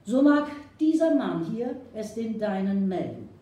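A woman voicing a calm, firm male frontier hero who gives commands, recorded far from the mic in an echoey room. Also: mid-range voice, measured pace. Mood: stern.

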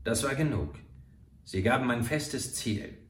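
A man reading an adventure novel aloud in a slow, dramatic storytelling manner. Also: mid-range voice, slight background noise. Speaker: narrator. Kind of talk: audiobook narration of an adventure novel. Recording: roomy, far from the mic.

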